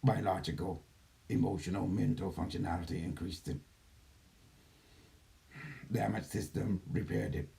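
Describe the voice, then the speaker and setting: A gentle care robot, put on by a man, speaking in a hushed, deep computer voice. It calmly announces each scan and repair step at an unhurried, even pace, slightly off-mic. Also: creaky, recorded from a distance. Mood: calm, mechanical. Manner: calm, slow, flat announcements of system steps. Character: soft, slow male computer system running a healing protocol.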